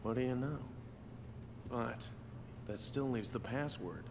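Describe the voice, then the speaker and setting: A male actor playing a cool, reserved fighter in a video game, speaking in a low-key, terse way. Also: slow, noisy background. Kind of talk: video game cutscene acting. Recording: reverberant game audio with loud background sound.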